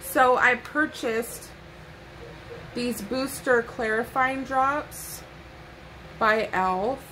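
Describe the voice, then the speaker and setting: Young woman, sassy haul chat, bright forceful voice, slightly high, bedroom, close camera mic. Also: drawn-out words, slight background noise, rough recording. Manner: sassy, playful asides, chatty. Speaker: vlogger.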